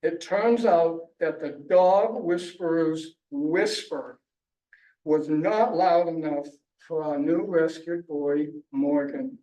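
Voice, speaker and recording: Male author, wry storyteller at a library reading, mellow and unhurried, distant roomy sound. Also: fairly high pitch. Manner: storytelling, wry, chuckles often. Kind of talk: reading his own memoir aloud at a book launch. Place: library event room. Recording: echoey room, distant mic.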